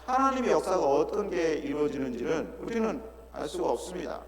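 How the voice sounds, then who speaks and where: A middle-aged male pastor preaching an earnest sermon, often asking rhetorical questions and dropping into softer asides. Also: a little high, very animated, fairly quick. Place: church sanctuary. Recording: echoey church hall with congregation.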